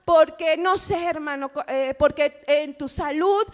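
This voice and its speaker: Woman preacher, impassioned church sermon, very high voice, slow measured delivery. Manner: impassioned, keeps addressing the congregation as "hermano"; asks the listeners rhetorical questions.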